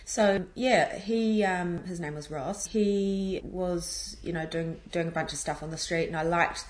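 A woman's voice: lowish voice, measured pace. A New Zealand woman in her thirties chatting casually as an interview guest. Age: 30s. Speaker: interview guest, street artist. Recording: echoey room with clear background noise.

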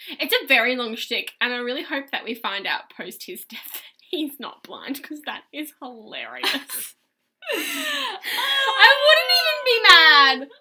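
High breathy woman cohost, jokey quick quips, lively pitch. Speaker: podcast co-host. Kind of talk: casual chat.

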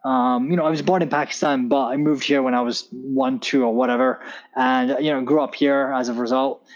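A Scottish tech founder in his thirties appears as a podcast guest, telling stories in a casual interview. His mid-range voice is fairly quick with fairly even intonation, and he rambles with many fillers and restarts. The audio is dull.

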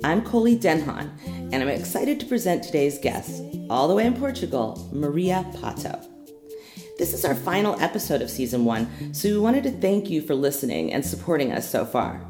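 A woman's voice: low-pitched, very animated, moderate pace, music in the background. A woman hosting an interview podcast, with a hungover morning voice. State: hungover morning voice after a night of drinking. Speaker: podcast host.

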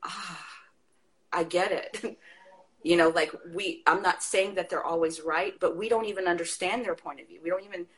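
A woman with a somewhat low voice talks with passion in casual conversation. She tells stories with energy and laughs as she goes. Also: brisk. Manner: passionate, animated storytelling with laughs. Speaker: guest.

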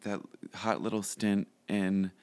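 A man's voice: on the low side, little pitch movement, slow, darkish tone. A young man, a podcast guest, chatting casually and rambling with lots of fillers and restarts. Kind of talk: casual interview chat.

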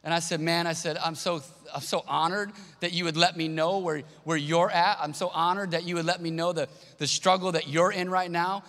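A male pastor delivers an earnest sermon, repeating his key points and slipping into the voices of people he quotes. His voice sits high and sounds bright and forceful. The room rings with a long hall reverb. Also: steady tone, brisk, few pauses. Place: church auditorium.

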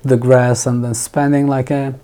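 A man with a Turkish accent and a mellow, dark voice talks as a podcast guest. He recalls things in a thoughtful, unhurried way, pausing and restarting his sentences often. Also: mid-range voice, little pitch movement. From Turkey. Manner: thoughtful, many restarts and fillers. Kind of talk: casual interview chat.

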